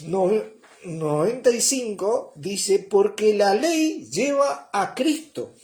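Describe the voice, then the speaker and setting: Slow, lively-voiced male preacher. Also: high voice. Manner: slow and explanatory, often checking with "¿eh?" and "¿mm?". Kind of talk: sermon.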